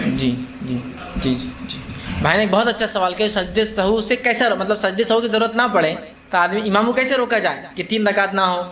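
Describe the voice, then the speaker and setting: A man's voice: sits high, noisy background. A man preaching to a gathering in a conversational way. He asks his listeners questions and acts out little scenes. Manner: conversational, asks the audience questions, mixes in English words; acts out quotes with laughter. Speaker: Islamic preacher. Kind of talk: religious lecture to a live gathering.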